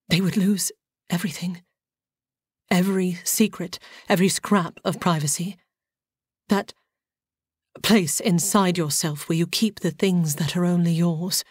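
A woman voicing a reserved, formal male nobleman who speaks quietly and with earnest, halting sincerity. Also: fairly low pitch, breathy edge, dry recording.

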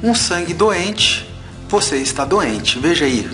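A man's voice: on the high side, sing-song, slow pace, bright, forceful tone. A man in his forties vlogging about health products in an emphatic, preachy way, repeating his points, with faint music behind. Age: 40s. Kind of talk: casual vlog, unboxing and health advice.

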